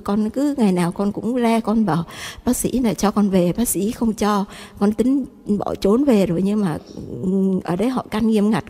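A woman's voice: mid-range voice, warm tone, long reverb tail. A young mother, giving an emotional, tearful testimony to a priest. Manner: emotional, tearful when recounting.

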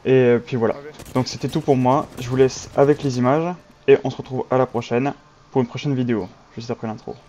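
A man's voice: mid-range voice, fairly even intonation, a little fast. A man hosting a gaming channel, casually and a little hesitantly addressing his viewers in an informal intro. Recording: slightly dull, muffled sound.

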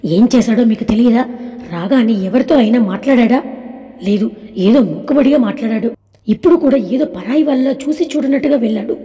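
A woman's voice: a little high, a little fast, dark tone, lightly acted. A woman voicing a worried middle-aged mother who complains to her husband. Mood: fretful. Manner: complaining, fretful. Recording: echoey room with long reverb.

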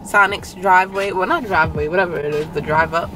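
A woman's voice: fairly low pitch, fast talker, pushed and bright, slight background noise, low-quality recording. A young woman vlogger in casual, rambling chat, filming from a parked car at a drive-in. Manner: chatty, rambling, laughing often.

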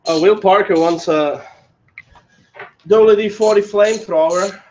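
A man's voice: high voice, unhurried, darkish tone. A man co-hosting a casual livestream while working on a car engine in a garage, talking in a laid-back, chatty way. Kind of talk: casual chat while wrenching. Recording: lo-fi with faint noise.

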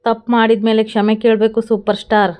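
A woman's voice: a little high, monotone, fast, a little mellow, lightly acted. Mocking schemer Rana, read out by a woman. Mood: scheming. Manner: read out plainly in a retelling. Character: scheming young man, mocking and loud.

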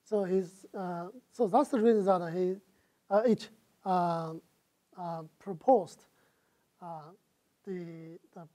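Fielding audience questions in a lecture hall, a middle-aged Chinese guest lecturer speaks into a lapel mic with a Chinese accent, haltingly and with frequent "uh" fillers and restarts. He has a high, dark-toned voice with fairly even intonation.

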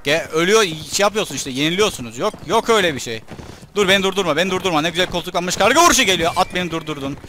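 Here a high-pitched young man rattles off very fast live commentary on his own gameplay. He gets excitable, shouting at his troops and foes, and mutters under his breath when it goes badly. There's a little hiss or hum in the background.

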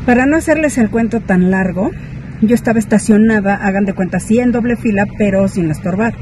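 A woman's voice: mid-range voice, brisk, a little mellow, poor audio. A woman telling a story to her viewers in a chatty, indignant vlog. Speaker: vlogger. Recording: clear background noise.

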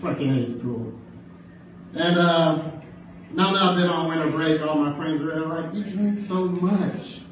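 A man's voice: on the high side, a little slow, long pauses. A man in his twenties from the American Midwest doing stand-up at an open mic, rambling loosely with lots of fillers and swearing. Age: 20s. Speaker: stand-up comedian. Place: bar or club room at an open mic. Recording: very echoey room, distant mic, faint noise. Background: audience laughter.

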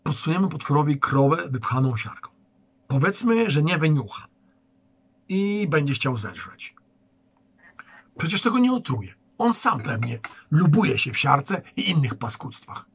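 A man's voice: fairly high pitch, sing-song, a little slow, slightly rough, no echo, heavily acted. Krak, a man doing an ironic skeptical prince.

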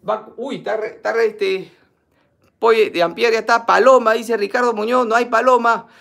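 A man's voice: very high-pitched, steady tone, moderate pace, vocal fry, a bit bright. A man, a teacher chatting casually on a live stream, reading out viewer comments and running playful polls. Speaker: teacher hosting a live class.

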